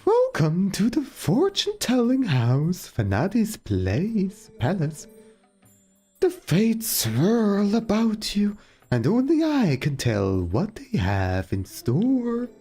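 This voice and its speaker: A woman voicing a mystical video game fortune teller in a slow, dramatic, drawn-out manner. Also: medium pitch, huge pitch swings, mellow, slightly rough, soft background music, pitched above the performer's own voice, exaggerated voice. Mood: mystical, theatrical.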